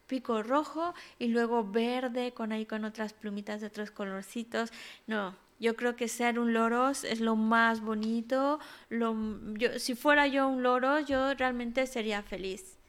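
Woman doing a dreamy unhappy swan from a fable, kinda higher voice. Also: steady tone, a little slow, clear, resonant tone, close to an everyday voice.

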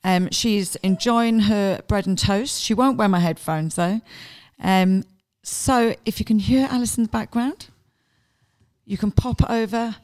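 A woman's voice: mid-range voice, measured pace, darkish tone. A woman hosting a podcast, chatting informally with her guest in a casual interview style. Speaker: podcast host.

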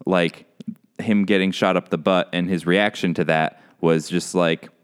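A man's voice: low-pitched, steady tone, measured pace, clean tone. A man co-hosting a casual movie-review podcast, laid-back and blunt with his opinions. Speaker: podcast co-host. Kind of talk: casual chat.

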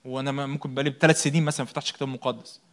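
A man's voice: mid-range voice, little pitch movement, racing. A young man with an Egyptian Arabic accent preaching a sermon, asking rhetorical questions, answering them himself and repeating key words for emphasis.

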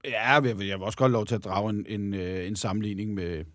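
A man's voice: lowish voice, steady tone, fairly bright tone, no echo, studio quality. A man co-hosting a casual fan chat about football, hesitant and agreeable, often saying yes. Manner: hesitant, agreeable, many fillers. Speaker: football podcast co-host.

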